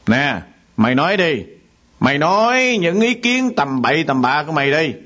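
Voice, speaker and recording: A man's voice: fairly high pitch, sing-song, moderate pace, a bit bright. An actor playing a domineering middle-aged father in a radio drama, scolding harshly. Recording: dull lo-fi radio drama recording.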